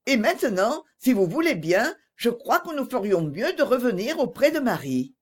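A woman reading an audiobook voices a young woman who is gentle but firm and pleads earnestly. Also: fairly high pitch, sing-song, normal speed, slightly rough. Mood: earnest pleading.

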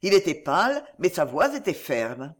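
A man narrating a novel in an expressive literary reading. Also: on the high side, normal speed. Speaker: audiobook narrator. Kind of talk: scripted narration.

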